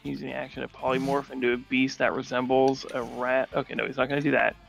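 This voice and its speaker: A man's voice: medium pitch, flat delivery, fast, gravelly, fairly bright tone, soft background music. A young man playing a tabletop game over a voice call, earnestly working through rules and dice rolls. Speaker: player. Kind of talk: casual chat while playing a tabletop game.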